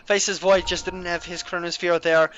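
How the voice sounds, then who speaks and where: Excitable high-pitched man doing esports hype announcing. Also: normal speed, highs cut off, a little hiss or hum. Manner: hype fighting game announcer delivery, shouting out big plays. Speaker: esports commentator. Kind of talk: live esports play-by-play commentary.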